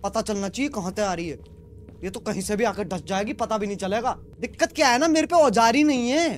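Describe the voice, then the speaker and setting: A man streaming a horror game, commentating live with panicky yelling and crude jokes. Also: sits high, brisk, a little hiss or hum. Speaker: gaming streamer.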